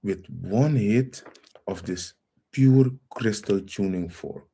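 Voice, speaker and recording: A man hosting a casual livestream lecture, reading out viewer comments and calling his listeners fam, with a halting delivery full of trailing phrases. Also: fairly low pitch, creaky, warm tone, breathy edge. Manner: reads out viewer comments and greets the chat; calls listeners fam and family. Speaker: livestream host.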